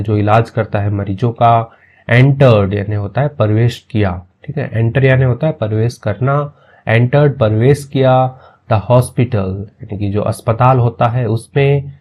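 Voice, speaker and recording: A man, teaching from a story. He has a mellow, warm tone and a middle pitch. He stretches each phrase slowly before explaining it in a relaxed, chatty way. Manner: slow, deliberate reading of English phrases between quick explanations; keeps checking in with "ठीक है" and gives everyday examples. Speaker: English teacher.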